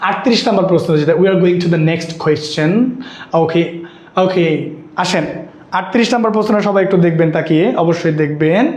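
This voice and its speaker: A fast-talking man leads an exam-prep lesson, repeating each point and firing questions at his students. His voice sits high, and the room adds a noticeable echo. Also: darkish tone. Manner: repetitive, questioning students constantly. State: sweaty and worn out. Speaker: teacher. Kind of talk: live online exam-prep class.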